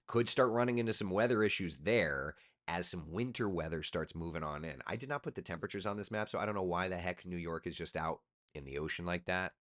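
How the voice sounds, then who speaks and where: A tired man, a TV weatherman, chatting casually on a live stream while walking through forecast maps. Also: deep voice. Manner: loose, chatty, talks to himself while working. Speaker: TV meteorologist hosting a live chat.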